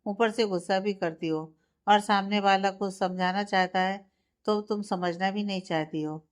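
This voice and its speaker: A woman voicing a young husband who scolds his wife sharply, with a smooth, clear voice. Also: mid-range voice, fairly even intonation, normal speed, lightly acted. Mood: angry. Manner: sharp, reproachful.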